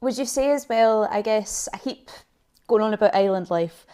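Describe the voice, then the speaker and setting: With a crowd audible behind her, a young adult podcast host from Edinburgh, Scotland runs a casual interview at normal speed in a medium-pitched voice. She's chatty, leaning heavily on "like" and "kind of."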